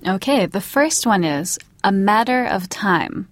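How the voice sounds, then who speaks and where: A woman explaining English phrases and reading example sentences clearly and carefully. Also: medium pitch, lively intonation, very slow, dry recording.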